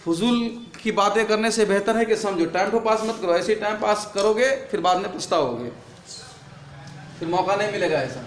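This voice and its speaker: A man's voice: sits high, normal speed, roomy sound. A man teaching a class, drilling letters through repeated question and answer and telling the pupils off for noise. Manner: repetitive call-and-response drilling. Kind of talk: classroom lesson.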